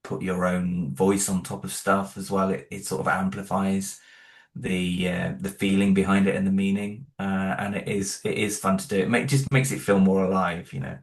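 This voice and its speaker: Deep-voiced and level in tone, a man speaks at a moderate pace in a casual interview about the music and sound work on his audio drama. He rambles loosely, with lots of fillers and restarts, and tends to put himself down.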